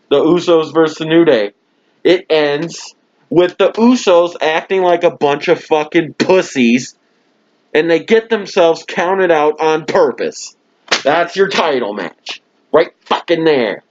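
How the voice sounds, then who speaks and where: Fed up and profane, this wrestling reviewer slowly drags out his words in a fairly high yet darkish voice, cursing almost every turn and tossing in mocking laughter. He records in a room at home, and the sound is muffled and low-fidelity, as if from a cheap microphone.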